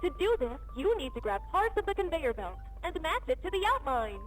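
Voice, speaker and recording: A friendly little girl jellyfish from a cartoon kids' game. The voice is extremely high and bouncy, polite and encouraging, with faint music behind it. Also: very animated, a little fast. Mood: chirpy, encouraging. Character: friendly little female jellyfish toy maker. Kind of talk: children's game cartoon voice acting.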